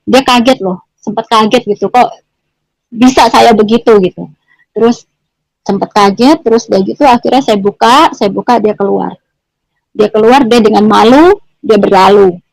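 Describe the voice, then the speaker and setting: A woman's voice: on the high side, moderate pace, vocal fry, pauses often, dry recording, poor audio. A middle-aged woman tells her testimony in a casual, repetitive way, restating each phrase before moving on. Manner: repetitive, restates phrases, ends clauses with "gitu". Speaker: guest giving a testimony. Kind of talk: conversational testimony storytelling.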